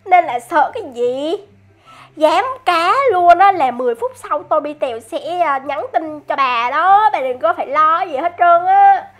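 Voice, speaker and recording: Very high-pitched excited woman gamer. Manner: excited, teasing, chatty, laughs often; addresses viewers directly. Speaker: gaming YouTuber. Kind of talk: game commentary.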